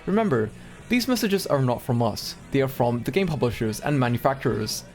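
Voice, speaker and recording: Male streamer from Singapore, middle pitch, reads aloud casually with asides over faint music. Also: lively intonation, a little fast, a little mellow. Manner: casual, chatty asides between readings. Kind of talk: reading a magazine aloud on stream.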